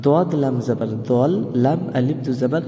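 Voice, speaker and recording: A man teaching Quran reading, spelling out syllables slowly and breaking into melodic chanted recitation. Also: medium pitch, dark tone, big-room sound.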